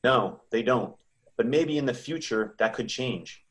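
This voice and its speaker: A man playing a solemn Christmas spirit who guides and admonishes gravely in a dramatic table read. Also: medium pitch, lively intonation, a little slow, lightly acted.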